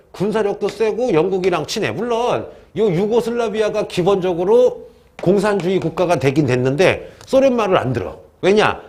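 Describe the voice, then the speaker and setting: A man with a high, slightly mellow voice gives a history lecture in a classroom. He trades jokes with his students and asks questions only to answer them himself.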